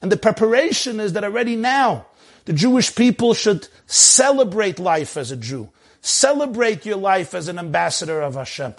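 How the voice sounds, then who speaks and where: Male rabbi, high voice, animated preaching, emphatic rhetorical questions, Hebrew and phrases. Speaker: rabbi giving a talk. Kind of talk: animated sermon on a video call. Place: video call.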